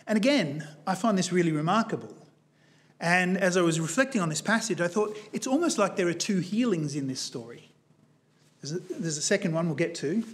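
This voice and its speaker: A man with a high voice delivers a sermon in a church. He speaks earnestly and with emphasis. He retells a story with a shifting pace. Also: lively intonation, fairly quick. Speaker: guest preacher.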